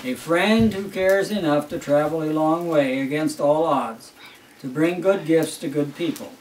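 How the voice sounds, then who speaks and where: A man's voice: a little high, a little slow, a little mellow, a little hiss or hum. An older man, a grandfather, reads a Christmas story aloud at a family home in a wry, amused storytelling manner. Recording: roomy, distant home recording.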